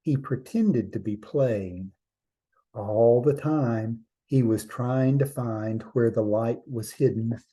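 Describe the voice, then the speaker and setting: A man telling a traditional trickster tale as a storyteller, in measured short phrases with deliberate pauses. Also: medium pitch, mellow, breathy edge.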